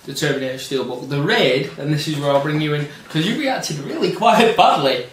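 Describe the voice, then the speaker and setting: Slightly fast and on the high side, this man co-hosts a laid-back movie chat, voicing strong opinions with emphasis and the occasional casual curse. A distant mic picks him up amid roomy echo and faint noise.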